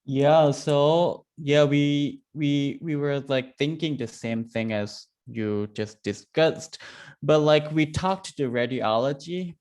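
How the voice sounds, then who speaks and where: A man's voice: on the high side, slow, a little mellow. A man presenting a medical case on a video call, hesitant, with many fillers. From Thailand.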